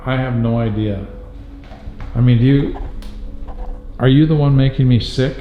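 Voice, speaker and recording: A man's voice: medium pitch, steady tone, unhurried, soft background music. Man probing questions in an echoey hospital. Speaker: paranormal investigator. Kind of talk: questioning a spirit aloud. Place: abandoned hospital floor, indoors. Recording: roomy, dull-sounding hall recording.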